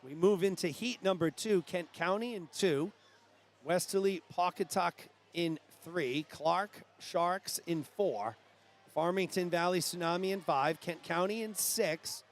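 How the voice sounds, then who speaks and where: High-voiced New England swim commentator. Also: male voice. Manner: brisk play-by-play, rising to shouts at finishes. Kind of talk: live sports commentary.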